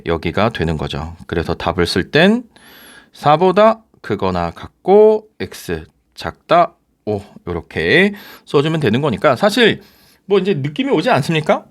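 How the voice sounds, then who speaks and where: A man teaching a recorded high-school math lecture, talking students through each step and often checking with rhetorical questions. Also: unhurried, dry recording, studio quality. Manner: lively, coaxing, asks rhetorical questions.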